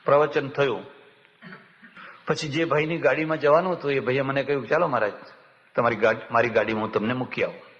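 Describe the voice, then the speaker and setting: A man with a Gujarati accent, a swami giving a spiritual discourse, telling lively stories and acting out the villagers he talks with. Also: medium pitch, quick pace. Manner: animated storyteller who acts out the villagers in dialogue. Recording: dull, lo-fi, with long hall reverb.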